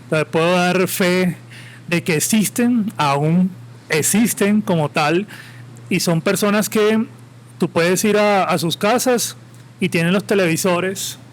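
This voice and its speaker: A man from Santa Marta on Colombia's Caribbean coast, with the accent to match, speaks as a guest at a live podcast event before an audience. His high-pitched voice goes slowly as he rambles, impassioned and opinionated.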